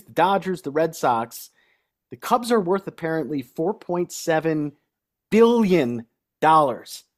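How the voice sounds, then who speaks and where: A man co-hosting a casual sports podcast, ranting in a heated, indignant way. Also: on the high side. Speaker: podcast co-host.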